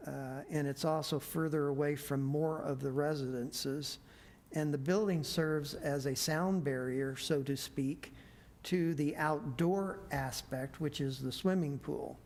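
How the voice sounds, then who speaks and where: A man's voice: a little high, fairly even intonation, a little slow, darkish tone. A man giving a staff report at a city planning meeting, hesitant with many fillers, his voice a bit worn. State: losing his voice. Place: council meeting room.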